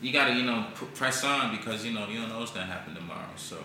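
A man talking as a podcast guest in casual conversation, animated and blunt, with a lot of swearing and "you know". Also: on the low side, fast talker. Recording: very echoey room with background noise.

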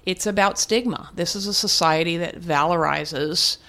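Here an older woman guest speaks in a candid interview at a moderate pace, her voice fairly low and a bit bright. She comes across as frank and reflective, with restarts and the odd laugh.

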